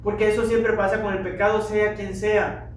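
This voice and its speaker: A man's voice: high-pitched, flat delivery, normal speed, a little hiss or hum. A man preaching a sermon, addressing his listeners directly with rhetorical questions. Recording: echoey hall from far off.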